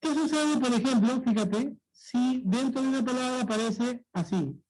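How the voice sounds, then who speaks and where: A man's voice: very high voice, moderate pace, a little mellow, rough recording. A man teaching an exam-prep language lesson, patient and repetitive, often checking that the student understood.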